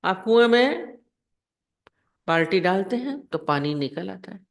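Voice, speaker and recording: A woman's voice: mid-range voice, big pitch swings, measured pace, gravelly. Woman giving a conversational spiritual talk. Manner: conversational, explaining with everyday examples and rhetorical questions. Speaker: spiritual teacher. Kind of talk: spiritual discourse.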